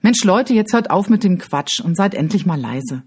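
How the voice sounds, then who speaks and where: A woman's voice: on the low side, animated, moderate pace, a little mellow, breathy edge. Woman voicing a grumpy, sensible boy. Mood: annoyed. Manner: grumbling and critical. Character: sensible, easily annoyed boy.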